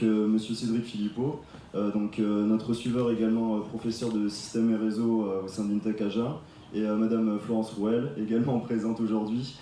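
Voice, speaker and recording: A man's voice: medium pitch, dark tone, a little hiss or hum. Young French man presenting with many fillers. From France. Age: 20s. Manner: many fillers and restarts, explanatory. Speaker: student project leader. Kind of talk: student presentation on stage. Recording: echoey room from far off.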